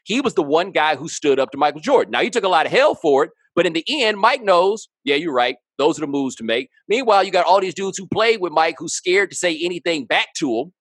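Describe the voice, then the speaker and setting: Animated, higher-voiced man making his case. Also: quick pace, hardly any pauses, dry recording. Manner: emphatic, argues in rhetorical questions. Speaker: podcast guest. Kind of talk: casual sports podcast discussion.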